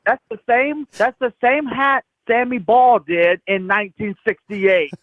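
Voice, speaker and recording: A man from Florida calls in to a sports show over the phone and rambles excitably through his points with plenty of jokes. His voice sits high, and the line is thin and tinny. The sound is dry and close. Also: measured pace, no room sound. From Crestview, Florida, US. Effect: heard over a phone line. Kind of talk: casual phone-in chat.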